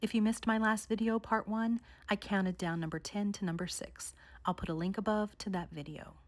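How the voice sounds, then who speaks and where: A woman vlogger narrating a countdown of haunted places in a measured storytelling way. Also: mid-range voice, steady tone. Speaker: paranormal vlogger. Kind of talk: scripted narration.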